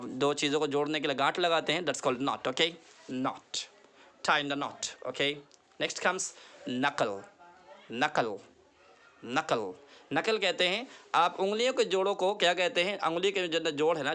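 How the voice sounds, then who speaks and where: A man teaching an online lesson, mixing Hindi and English. He repeats each word slowly so the listener can echo it, and urges the listener earnestly to practise. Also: fairly high pitch, a bit bright. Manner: earnest, pleading tone.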